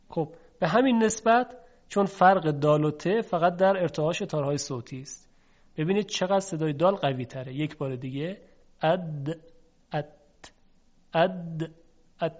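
A man's voice: a little high, a little mellow. A male teacher giving a recitation lesson, patiently explaining and sounding out letters to demonstrate. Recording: dull lo-fi recording.

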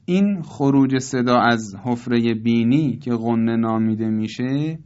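Man teaching Quran recitation rules, deliberate. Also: medium pitch, darkish tone, muffled recording. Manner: slow, deliberate, repeats each example slowly. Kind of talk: tajweed lesson with recited examples.

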